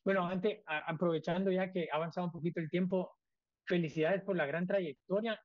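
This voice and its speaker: A man's voice: high-pitched, steady tone, fairly quick, no echo, dull audio. A young man hosting a podcast, asking questions politely with slight hesitations. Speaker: podcast host. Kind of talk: interview questions.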